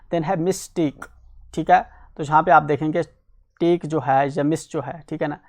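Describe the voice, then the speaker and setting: A male teacher explaining an English textbook lesson in Hindi, who spells words out letter by letter, keeps adding "ठीक है ना", and reads English lines slowly before explaining them quickly. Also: on the high side, steady tone. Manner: repeats "ठीक है ना" as a filler.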